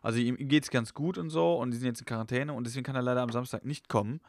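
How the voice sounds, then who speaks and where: A young man on a casual podcast, an animated storyteller who acts out quoted dialogue. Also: medium pitch, very fast, dry recording. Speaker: podcast co-host and comedian.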